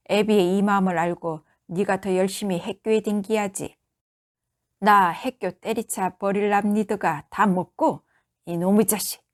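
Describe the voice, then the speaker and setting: A woman voicing a loud, drunk one-armed middle-aged father who scolds in a Gyeongsang accent. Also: mid-range voice, natural voice. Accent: Gyeongsang dialect. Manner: shouting, slurred scolding.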